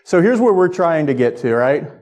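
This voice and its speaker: A man's voice: a little high, sing-song, normal speed, darkish tone. Conversational man giving a technical lightning talk. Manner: conversational, checks in with "right?". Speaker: conference speaker, security research director.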